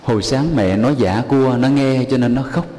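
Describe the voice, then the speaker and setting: A man's voice: medium pitch, moderate pace, warm tone, big-room sound, pitched above the performer's own voice, close to an everyday voice. A man voicing a tender-hearted little village boy in a told folk tale, speaking in a pleading, childlike way. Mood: frightened pity.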